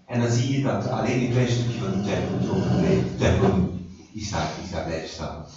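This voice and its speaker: A man preaching to a small group, his lively voice rising and falling as he restarts his sentences and asks questions. He is heard from across an echoey hall on a distant, dull-sounding mic with a faint hiss behind him. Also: low-pitched, fairly quick. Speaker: preacher leading a Bible study. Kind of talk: informal Bible teaching with questions to the group.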